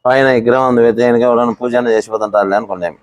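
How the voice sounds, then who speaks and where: A man, a bull owner and farmer, telling stories in an interview in a rapid rural way. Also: mid-range voice, steady tone, no echo. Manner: rapid rural storytelling, re-enacts quoted speech. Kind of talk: storytelling in an interview.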